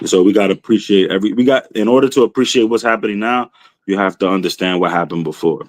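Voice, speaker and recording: A man with a somewhat low voice talks with steady enthusiasm, leaning on casual fillers. The sound is dry and close, with no room around it. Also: fast talker, dry recording. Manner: enthusiastic, fills with "you know what I mean". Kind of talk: casual chat.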